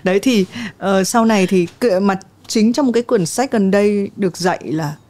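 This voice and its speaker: Mellow-voiced woman host. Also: medium pitch, brisk. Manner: thoughtful, asks open questions with many fillers. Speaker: podcast host. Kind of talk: relaxed interview chat.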